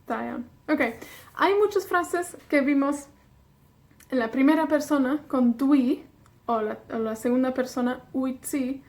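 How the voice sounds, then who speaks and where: A woman from Wales teaching a beginners' language class, patiently repeating each word slowly so learners can echo it. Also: sits high, a little mellow.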